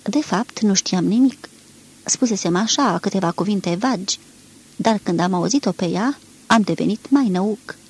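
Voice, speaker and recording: A woman narrating a literary novel aloud in a measured, expressive reading, with a husky voice. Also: medium pitch. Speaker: audiobook reader.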